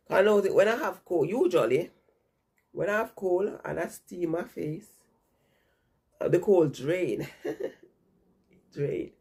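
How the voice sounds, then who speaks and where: Talking casually to her viewers while sick with a cold, a woman vlogger rambles, chats, and keeps circling back to the same points. Her lowish voice is mellow yet husky and gravelly, and her nose is clearly stuffed up.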